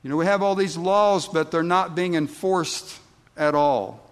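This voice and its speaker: A pastor with a clear, resonant voice, a little high for a man, preaches a sermon in church. He takes his time, pressing on words and pausing, then drives home emphatic lines. A long reverb from the large hall trails his words.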